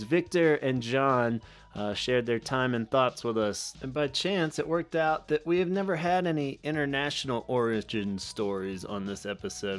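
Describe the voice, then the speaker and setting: Rambling male podcast host. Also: mid-range voice. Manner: loose and rambling, many fillers. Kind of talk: casual podcast talk.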